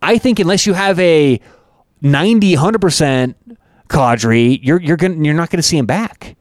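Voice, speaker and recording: A man with a Canadian accent chatting casually about hockey as a podcast co-host, excitable and animated. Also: fairly high pitch, moderate pace, no room sound, studio quality. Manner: excitable, animated when imitating announcers. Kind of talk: casual sports chat.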